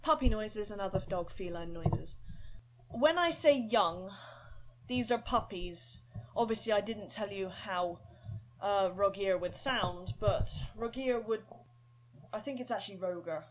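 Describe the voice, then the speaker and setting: A woman's voice: medium pitch, a little slow. A woman explaining audition instructions in a casual, chatty and self-deprecating way. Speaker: casting call director.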